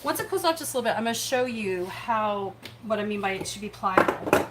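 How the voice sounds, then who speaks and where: This cooking show host has a mid-range voice that's animated, brisk and a bit bright, though the audio is poor with some hiss or hum. Streaming live from her kitchen, she chats and rambles in a self-deprecating way.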